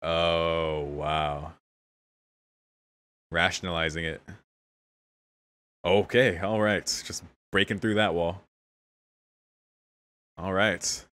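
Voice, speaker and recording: Deep-voiced man reacting to anime. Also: level tone, extremely slow, long pauses, a bit bright, dry recording. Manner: candid, exclamatory, laughs often, swears. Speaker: anime reaction channel host. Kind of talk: casual reaction commentary.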